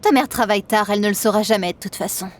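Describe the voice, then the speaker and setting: A woman voicing a laid-back teenage girl friend giving advice in an animated story, with a casual, offhand manner. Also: mid-range voice, racing, voice pushed down, lightly acted.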